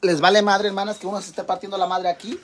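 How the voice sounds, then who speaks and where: A man's voice: high-pitched, flat delivery, racing, noisy background. A middle-aged man with a Mexican accent ranting casually to his viewers in an exasperated, profane way. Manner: exasperated, swears a lot. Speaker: vlogger. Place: home kitchen.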